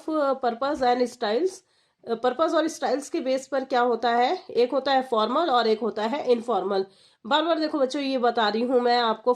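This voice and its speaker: Woman, exam-prep teacher, recorded lecture, slightly high pitch, rhetorical question-and-answer delivery. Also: a little mellow. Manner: explains step by step, asks and answers her own questions, addresses students as kids.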